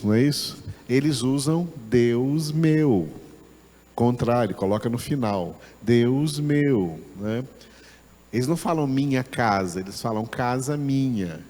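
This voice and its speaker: A man with a Brazilian Portuguese accent teaching a Bible lesson, slow and deliberate, repeating words as he explains them. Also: medium pitch, warm tone, big-room sound.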